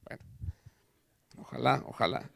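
A man with a Mexican Spanish accent giving a conference talk at a university, telling stories and acting out quotes in an animated way. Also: measured pace, no echo, studio quality. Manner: animated storytelling with acted quotes. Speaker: lecturer. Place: lecture hall.

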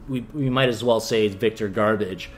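A man in his twenties co-hosts a casual film review show from a small living room, speaking with exasperated scorn. His voice is lowish and moves at a normal speed.

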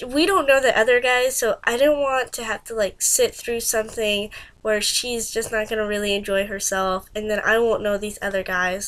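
A woman's voice: high voice, a bit bright. A teenage girl with a stuffed-up nose from a cold, chatting casually and rambling as a fan in a reaction vlog. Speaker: vlogger reacting to a music video. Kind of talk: casual chat.

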